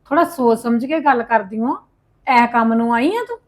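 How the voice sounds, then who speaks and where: A woman's voice: a little high, moderate pace, natural voice. Woman playing an indignant, hurt sister. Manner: indignant, scolding. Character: proud, easily hurt woman attached to her village. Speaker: sister Davinder, mother of the house. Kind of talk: home-made family drama acting.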